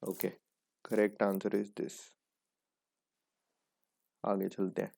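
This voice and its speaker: A man teaching an exam prep lesson in casual Hindi-English, explaining patiently and reading English examples slowly. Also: on the low side, monotone, vocal fry, darkish tone. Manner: explains patiently, repeats "ठीक है" often.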